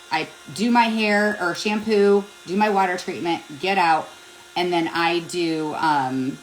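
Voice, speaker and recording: A middle-aged woman, a beauty vlogger, talks through a hair tutorial at home in front of a mirror, chatty and self-deprecating, rambling with plenty of fillers. Her voice sits on the low side. Poor audio carries a slight hiss or hum.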